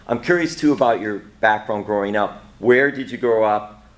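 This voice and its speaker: A man's voice: on the low side, normal speed. A man hosting an interview, asking several questions in one go. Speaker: interview host. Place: wrestling training gym.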